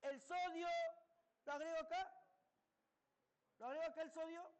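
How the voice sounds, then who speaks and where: A man's voice: very high voice, fairly even intonation, normal speed. A male chemistry teacher lecturing a class, asking students questions and answering them himself.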